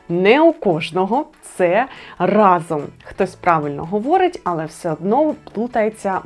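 A young adult woman teaching a lesson, explaining clearly and emphatically. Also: mid-range voice, darkish tone. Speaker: Ukrainian language teacher. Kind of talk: instructional video lesson.

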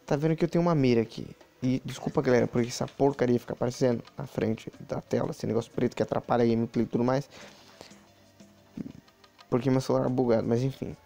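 A man's voice: mid-range voice, steady tone, fast talker, gravelly, mellow, faint music behind. A man giving chatty, casual commentary while playing a mobile game, talking to his viewers with many asides. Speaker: mobile game channel host.

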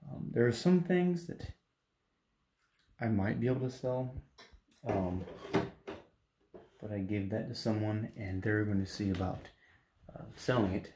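Speaking at a measured pace with frequent pauses, this late-20s man has a voice on the low side. His casual, rambling voice-over while drawing is full of fillers and restarts, captured in a small apartment kitchen by a handheld camera at arm's length, sounding reverberant with a noisy background.

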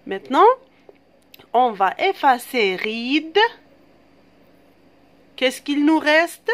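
Slow, patient woman teaching letters. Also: sits high, lively intonation, fairly bright tone. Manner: slow, patient, drawn-out syllables. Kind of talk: classroom phonics lesson.

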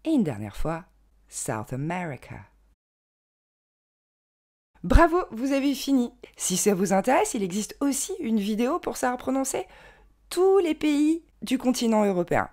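A young woman giving an online pronunciation lesson, carefully modelling each word slowly and clearly. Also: on the high side, very animated, a little mellow. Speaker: English pronunciation teacher.

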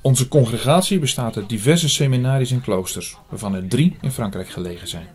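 As both narrator and lead actor of a scripted audio drama, a man plays an earnest priest investigating an apocalyptic prophecy, telling his story in the first person in a measured, formal, explanatory way. His mid-range voice is a little mellow and slightly rough, lightly acted, with music underneath.

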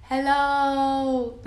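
A young Russian woman with a high, flat voice chats slowly and softly on a phone livestream from her bedroom, giggling and using lots of "like" and "uh" as she reads out viewers' comments. The phone is held close while she lies on her bed, and the room sounds echoey.

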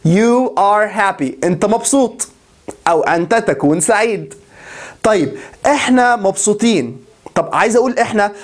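An Egyptian man gives a grammar lesson, saying each English example slowly and carefully. Between examples he explains fast in Egyptian Arabic. He keeps checking that his viewers are following. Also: high voice. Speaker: English teacher.

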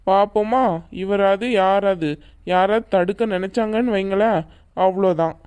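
A woman's voice: medium pitch, fairly even intonation, unhurried, a little mellow, smooth, close to an everyday voice. A woman voicing a determined young man in a cartoon, the groom-to-be, reassuring and confident.

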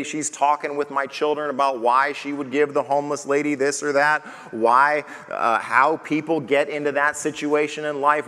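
A man preaching as pastor at a parenting conference, talking lively and acting out the questions he asks his children. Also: on the high side, clean tone, in a large hall. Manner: animated, acts out questions to his kids.

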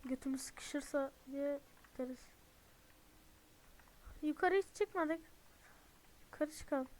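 A young woman streaming a horror game, swearing a lot, yelling in panic at the enemies and then whispering pleas not to be seen. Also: sits high, slow. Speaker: gaming streamer. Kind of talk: horror game let's play commentary. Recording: faint background noise.

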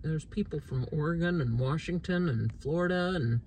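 A woman, chatting in a lively, rambling way while vlogging from a parked car. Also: deep voice, normal speed. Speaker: homestead vlogger. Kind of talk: casual chat. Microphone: phone on the dashboard. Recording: slightly distant phone mic with faint car noise.

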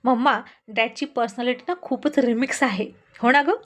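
A woman's voice: fairly high pitch, normal speed, fairly bright tone. A woman voicing a lazy college-age daughter who complains and pouts, read as part of a spoken story. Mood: complaining. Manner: complaining, whiny.

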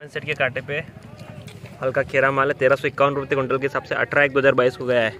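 A young man hosts a farm market price report, recorded on a phone outdoors in an open produce market yard. His delivery is racing, flat, repetitive, and full of fillers, with a mid-range, sharp voice. Market noise, vehicles, and faint music can be heard behind him.

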